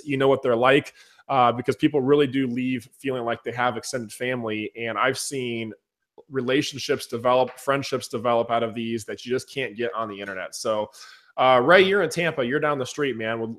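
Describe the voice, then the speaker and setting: A man hosting a casual webinar, energetic and enthusiastic as he talks to his viewers, his voice going hoarse. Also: medium pitch. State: losing his voice. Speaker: webinar host.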